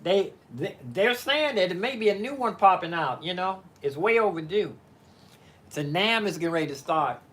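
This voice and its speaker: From a home studio in his living room, an older live streamer chats in a rambling way, pausing, restarting, and filling gaps as he thinks out loud. He has a high, fairly bright voice with lively intonation at a moderate pace.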